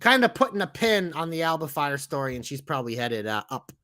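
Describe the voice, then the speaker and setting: Bright, high-voiced podcast co-host man. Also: very animated, no echo, studio quality. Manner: crude, enthusiastic, fast banter. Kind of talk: casual wrestling chat.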